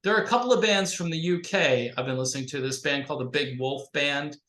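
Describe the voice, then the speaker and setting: Tinny, thin-sounding man, no bass. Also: fairly bright tone. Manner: rambling, halting, many fillers. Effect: thin tinny microphone sound with no bass. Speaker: interview host. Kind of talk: casual video-call interview. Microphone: home computer microphone. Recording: tinny mic in an echoey room.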